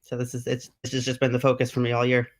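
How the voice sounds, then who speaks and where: A man, a strength athlete, talking as a guest on a casual video call interview in a relaxed, matter-of-fact way. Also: medium pitch, quick pace. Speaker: pro strongman athlete, guest.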